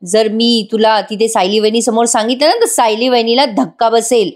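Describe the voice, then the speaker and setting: A woman's voice: a little high, fairly even intonation, moderate pace, close to an everyday voice. A woman voicing a cheeky young male friend who refuses to apologize. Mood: defiant. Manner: defiant, loud.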